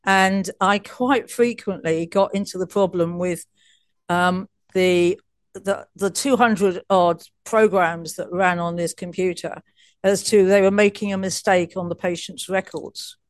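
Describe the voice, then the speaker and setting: A woman's voice: on the low side, steady tone, a little slow, dry recording. Chatty woman telling stories, dry sound. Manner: chatty, laughs often, many restarts. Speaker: guest coach. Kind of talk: casual interview storytelling.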